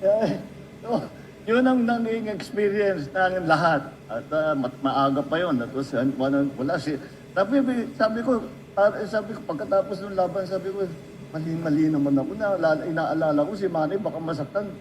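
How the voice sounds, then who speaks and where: A man's voice: sits high, moderate pace, slight background noise, low-quality recording. A Filipino man giving an anecdotal tribute speech, telling stories and speaking straight to the person being honored. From Philippines. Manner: storytelling, addresses the listener directly.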